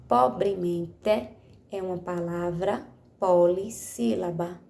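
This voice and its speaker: A woman primary school teacher, giving a recorded remote lesson to children, speaking slowly and patiently, stretching out words and often asking "né?" to check they follow. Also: lowish voice, vocal fry, dark tone. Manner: slow, patient, stretches out words for young pupils; affectionate diminutives, checks understanding with frequent "né?". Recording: echoey room with faint noise.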